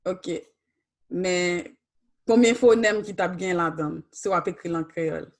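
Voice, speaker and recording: A woman's voice: fairly low pitch, unhurried. A woman teaching a Haitian Creole class, switching between Creole and French and questioning her students patiently.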